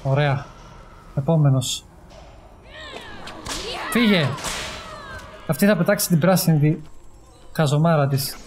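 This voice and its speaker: Excitable male gamer commentating play. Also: fairly high pitch, long pauses, background noise. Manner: excitable, yelps and swears in English when surprised. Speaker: gaming streamer. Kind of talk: casual gameplay commentary. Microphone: gaming headset.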